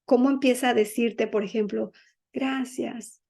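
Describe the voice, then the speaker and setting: A woman who hosts a podcast, gently and earnestly teaching the listener and checking in with them as she goes. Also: fairly high pitch, measured pace. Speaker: podcast host teaching on inner-child healing. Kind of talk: reflective teaching talk to the listener.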